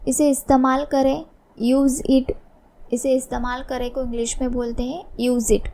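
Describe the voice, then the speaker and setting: Slow, gravelly high woman teacher. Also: little pitch movement, warm tone. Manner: repeats each phrase slowly, explaining in Hindi. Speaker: English teacher. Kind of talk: spoken English lesson.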